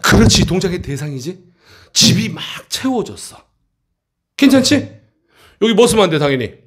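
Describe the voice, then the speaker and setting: A man teaching an English textbook passage to middle school students in a classroom, often checking in with quick questions. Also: sits high, sing-song, fairly bright tone.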